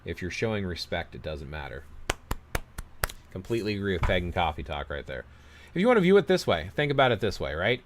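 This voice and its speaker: Low-voiced rambling livestream host. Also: male voice, very animated, brisk, background noise. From United States. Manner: rambling, opinionated, self-deprecating. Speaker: livestream host reading chat comments. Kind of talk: casual livestream chat.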